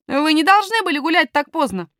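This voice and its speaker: A woman's voice: high-pitched, very animated, brisk, fairly bright tone, dry recording, clean studio sound, pitched above the performer's own voice. A woman reading a storybook, voicing a bold, earnest young miner boy in a firm, matter-of-fact way. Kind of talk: audiobook character voice.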